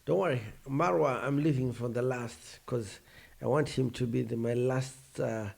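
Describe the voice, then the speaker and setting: A man with a gravelly, creaky voice talks in a loose, chatty way, giving his blunt views on online creators. He is tired and yawning now and then, and he peppers his talk with exclamations. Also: mid-range voice, steady tone, normal speed, darkish tone. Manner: frank and opinionated, with frequent exclamations. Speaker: online commentator reviewing YouTubers. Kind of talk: casual opinionated commentary.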